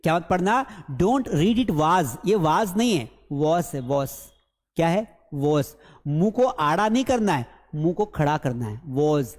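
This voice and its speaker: An Indian man with a Hindi accent, teaching a live English class, drilling pronunciation again and again in a lively way. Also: a little high, a little slow, big-room sound. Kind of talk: live online class lecture.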